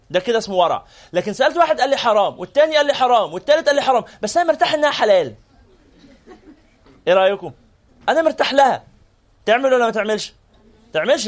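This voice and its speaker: A man with an Egyptian Arabic accent giving a religious lesson to a live audience, firing off rhetorical questions and prompting listeners to answer. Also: very high-pitched. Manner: repeats phrases in lists. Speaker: sheikh teaching hadith.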